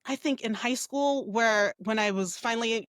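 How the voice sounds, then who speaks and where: A woman from the United States speaks as a guest coach, reflective and unhurried in her storytelling. Her speech is full of fillers and checking tag questions. The sound is close and dry with no room echo. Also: a little high, a bit bright, smooth. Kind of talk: casual interview talk.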